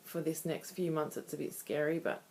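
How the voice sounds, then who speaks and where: A woman's voice: sits low, level tone, moderate pace, a little mellow, slight background noise. A woman in her thirties talking candidly and conversationally in a casual personal video diary. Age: 30s. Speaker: vlogger.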